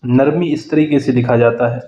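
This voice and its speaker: A man's voice: mid-range voice, steady tone, mellow, slight background noise. Hindi man teaching spelling, echoey dull audio. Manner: explains quickly, often repeating key words. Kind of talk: exam-prep lesson. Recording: roomy, muffled sound.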